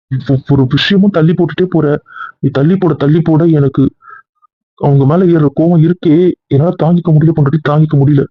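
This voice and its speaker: A man's voice: fairly high pitch, slightly rough, no echo. A man playing a worried, possessive husband. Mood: angry. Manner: pleading, then heated and insistent. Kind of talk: amateur serial drama acting. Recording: dry, tinny phone-like recording.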